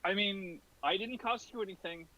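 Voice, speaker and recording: A man playing a tabletop role-playing game, talking casually and haltingly as he improvises. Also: high-pitched, pushed and bright, poor audio.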